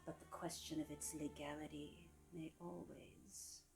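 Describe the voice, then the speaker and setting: Sultry, low-voiced woman narrator. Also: little pitch movement, gravelly, over music, rough recording. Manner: sultry, slow-savoring delivery with soft trailing phrase ends. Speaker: reader of a public-domain etiquette book. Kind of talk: scripted narration, sultry audiobook reading.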